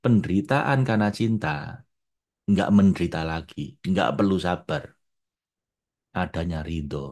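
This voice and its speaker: A man delivers a sermon in a low voice. His pitch leaps and dips, and he moves between loud bursts and near-hushed asides. He keeps speaking directly to the people in front of him. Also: moderate pace, long pauses. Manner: animated, addresses listeners as Bu and Pak, jumps from loud to hushed. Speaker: preacher. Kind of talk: religious talk to an audience.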